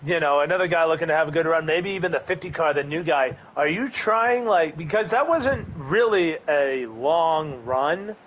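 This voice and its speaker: Bright, high-voiced man calling a race. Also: lively intonation, moderate pace, hardly any pauses. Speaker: race commentator. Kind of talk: live play-by-play sim racing commentary. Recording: dull lo-fi audio with faint background noise.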